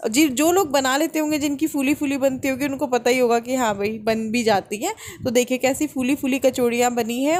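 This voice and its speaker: This is a woman from India with a high voice who hosts a home cooking vlog. She chats in a casual way and explains each step straight to her viewers, with the easy warmth of a kitchen talk. A little faint hiss sits behind her voice. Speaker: home vlogger.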